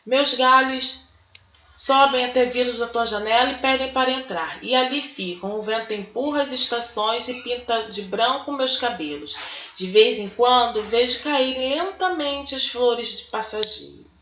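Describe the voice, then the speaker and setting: Slow, bright-voiced woman teacher. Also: fairly high pitch, a little hiss or hum. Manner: slow and deliberate, breaking words into syllables. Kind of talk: recorded lesson working through textbook exercises. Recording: dull, echoey room recording.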